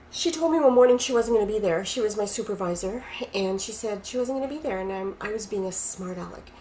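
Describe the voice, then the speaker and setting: A woman's voice: medium pitch, a little mellow, a little hiss or hum, rough recording. A middle-aged woman from Canada, a podcast guest telling a personal story vividly and acting out quoted dialogue.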